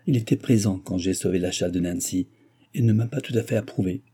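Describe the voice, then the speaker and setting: A man reading an audiobook, voicing a calm, kindly young curate who speaks gently and half-playfully. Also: low-pitched, brisk, breathy edge. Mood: gentle.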